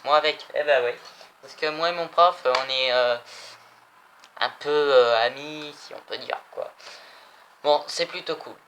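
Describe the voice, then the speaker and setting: Young man, slow rambling chat, bright voice, faint ambience. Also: fairly high pitch, a little hiss or hum. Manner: chatty, rambling, repeats himself. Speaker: vlogger. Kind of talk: casual chat showing souvenirs.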